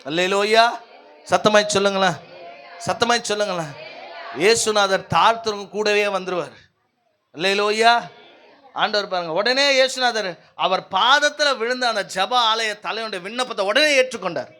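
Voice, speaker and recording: A man preaching as pastor at a church service who keeps calling for amens and hallelujahs, swinging between loud declarations and low, quiet asides. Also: normal speed, pauses often. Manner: calls often for amens and hallelujahs from the congregation; acts out stubborn people's words in the first person. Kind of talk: sermon.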